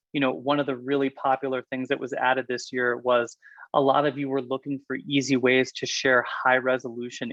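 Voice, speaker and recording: A man presenting a software walkthrough on a webinar, talking quickly and chattily with some fillers. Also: medium pitch, dry recording, dull audio. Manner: fast, chatty, explanatory with fillers. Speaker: product presenter.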